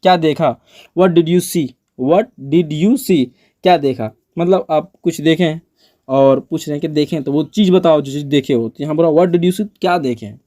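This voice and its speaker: Slow-drilling male teacher. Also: fairly high pitch, dark tone. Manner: slow, repeats each sentence for learners. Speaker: English teacher. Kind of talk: spoken English lesson.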